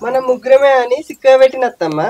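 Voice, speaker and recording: A man's voice: extremely high pitch, animated, fast, warm tone, rough recording. A man with a Telangana accent playing a young village wife who fights back against her mother-in-law with curses and complaints. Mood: defiant. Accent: Telangana Telugu. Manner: defiant, cursing, complaining. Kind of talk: village comedy skit acting.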